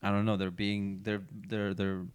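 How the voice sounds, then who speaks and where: A man's voice: lowish voice, monotone, moderate pace, clear, resonant tone. A man co-hosting a casual podcast, chiming in with agreeing short replies. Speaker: podcast co-host.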